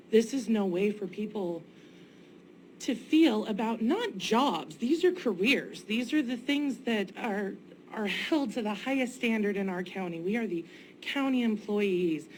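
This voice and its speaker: A woman delivering a formal, emphatic public comment at a meeting. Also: mid-range voice. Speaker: citizen giving public comment at a county meeting. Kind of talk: impassioned public statement. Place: indoor public meeting room. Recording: noisy meeting room ambience.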